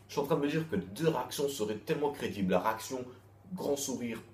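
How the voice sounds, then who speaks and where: Lively in intonation and quick in pace, this medium-pitched, slightly mellow voice belongs to a man reviewing a manga chapter. He's loose and repetitive, often starting over and leaning on crude slang, in an echoey room with faint background noise.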